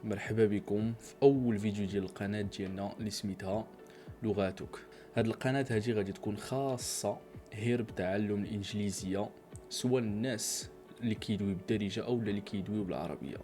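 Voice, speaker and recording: Moroccan man, low voice, patient teacher, repeats slowly, soft music behind. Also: steady tone. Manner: patient, repeats each letter and example for learners. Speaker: language teacher. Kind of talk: instructional lesson.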